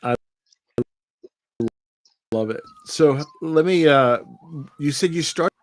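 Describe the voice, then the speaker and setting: A man's voice: a little high, expressive, slow, no room sound. A man hosting a podcast interview, chatty and enthusiastic, often restarting his sentences. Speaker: podcast host. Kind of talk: conversational interview.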